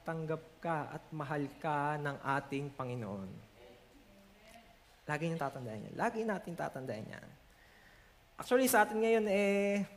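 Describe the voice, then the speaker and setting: Here a high-voiced man with a Filipino accent preaches, alternating Tagalog with English. When he reaches verses he wants to stress, he slows down for the congregation.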